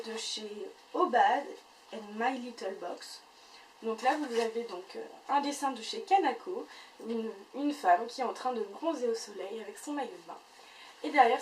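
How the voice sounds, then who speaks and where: A woman's voice: on the high side, reverberant. A woman chatting casually as she unboxes and reviews beauty boxes, full of fillers and restarts. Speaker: beauty vlogger. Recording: voice a bit far from the mic, faint noise.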